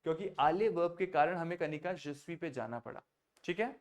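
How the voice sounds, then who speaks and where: A man's voice: on the high side, normal speed. Man teaching French, mixing in Hindi. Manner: patient, checks understanding often; mixes Hindi and English, spells out French verb forms. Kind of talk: online class teaching.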